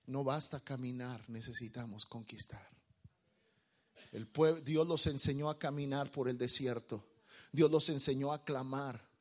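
A man preaching a sermon to a congregation, moving between quiet, intimate speech and loud emphatic declarations as he leads call-and-response. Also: medium pitch, steady tone, measured pace.

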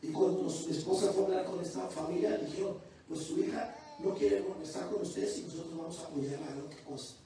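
A man who is a pastor, preaching a sermon that moves from quiet testimony to loud, fervent preaching. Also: a little high, steady tone, a little fast, slight background noise. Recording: distant, very echoey church hall.

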